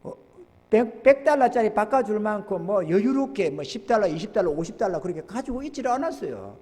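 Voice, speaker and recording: A male pastor preaching a sermon, telling folksy stories with sudden loud outbursts. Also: high-pitched, expressive, brisk. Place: church sanctuary. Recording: church hall with long reverb.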